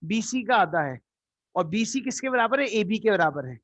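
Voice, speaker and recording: A man's voice: sits high, very animated, normal speed, a bit bright, dry recording. A man teaching a live geometry class, coaxing students with repeated questions. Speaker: math teacher. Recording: dull lo-fi online class audio.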